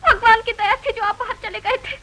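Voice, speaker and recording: Brief: a hurt, earnest wife, shrill bright voice, 1940s melodrama. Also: female voice, fairly quick, a little hiss or hum, poor audio. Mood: tearful. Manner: earnest, pleading. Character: wronged young wife Sheela, tearful but proud. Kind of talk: 1940s film acting.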